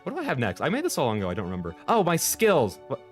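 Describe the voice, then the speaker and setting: A man streamer chatting casually in a rambling, expressive way, with exaggerated exasperation. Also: medium pitch, rapid-fire. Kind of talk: casual livestream chat. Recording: music playing behind the voice. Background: background music.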